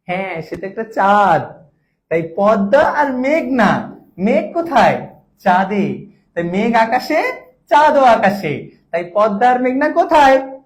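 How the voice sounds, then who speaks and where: Young man, high voice, exam-prep tutor, jokey call-and-response. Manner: playful, jokey mnemonics and call-and-response questions. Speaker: medical admission tutor. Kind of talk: online exam-prep class.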